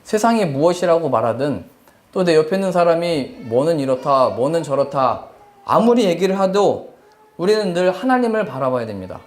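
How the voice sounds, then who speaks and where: A man's voice: sits high, very animated, a little fast, darkish tone. A male Korean pastor preaching a Sunday sermon, reading scripture and voicing the people he quotes. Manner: earnest, quotes scripture and people in acted asides.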